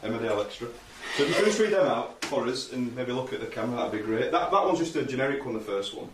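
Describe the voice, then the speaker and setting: A man's voice: mid-range voice, animated, quick pace, a bit bright. A man hosting a podcast in casual chat, joking and bantering with his guest. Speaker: podcast host. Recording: roomy room, distant mic, faint noise.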